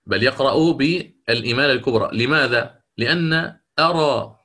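A man's voice: mid-range voice, moderate pace, bright, forceful tone. A man teaching Quran recitation rules in a lecture, explaining step by step, asking his students questions and chanting the verses he quotes.

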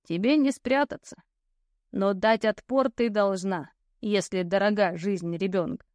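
A woman reading an audiobook, voicing a sly, languid old woman ghost who tells fortunes and smokes cigars, with a slow, mocking drawl. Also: medium pitch, a little mellow, dry recording, studio quality, lightly acted. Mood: ominous. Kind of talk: audiobook character voice.

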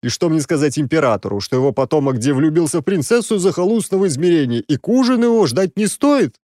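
A man voicing an exasperated six-armed male demon who scolds loudly and sarcastically, in a dry, close recording. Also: on the high side, sing-song, fast, no echo, voice pushed up.

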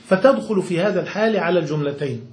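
A man's voice: sits high, very fast, darkish tone, echoey room, a little hiss or hum. A man teaching Arabic grammar, patiently explaining a text and repeating each point in plainer words.

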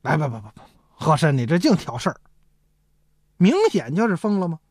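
A dismissive royal prince voiced by a woman scolds in a lowered, firm tone. He argues his point in a storytelling tale. The recording is dry and close. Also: sing-song, brisk, a little mellow, slightly rough, no echo, full character voice.

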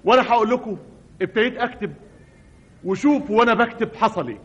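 A man's voice: high voice, quick pace, fairly bright tone, slightly rough, dull audio. A man narrating a comic monologue in an exasperated, mock-dramatic way on an old radio recording.

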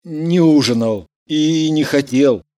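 Woman voicing a slow, terse, jealous young man; gruff short replies. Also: low voice, warm tone, pitched below the performer's own voice. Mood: earnest.

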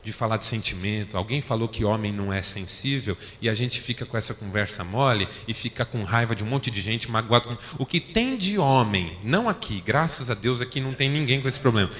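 Bright-voiced pastor preaching in a hall. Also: male voice, medium pitch, animated, brisk, few pauses, a little hiss or hum. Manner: storytelling preacher, acting out quarrels with rising voice. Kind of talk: sermon. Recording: long hall reverb, faint ambience.

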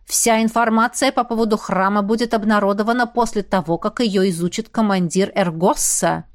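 A woman voicing a composed young male mage who gives lazy, unhurried warnings. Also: medium pitch, fairly even intonation, natural voice. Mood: calm.

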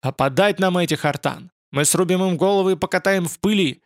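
A man voicing a loud, fiery male crowd leader who rouses the mob. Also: high voice, fairly quick, no room sound, clean studio sound, voice pushed up, natural voice. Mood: rousing. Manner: shouting, fiery.

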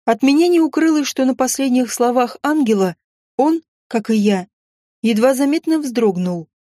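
A woman narrating a first-person audiobook in an expressive, even storytelling manner. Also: high voice, moderate pace, no room sound, studio quality.

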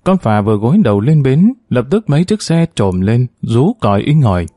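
A man narrating a story aloud in a measured, expressive audiobook style. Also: mid-range voice, no room sound, studio quality.

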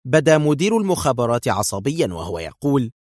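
A man narrating a thriller audiobook in a steady, expressive reading. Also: medium pitch, brisk, dry recording, studio quality.

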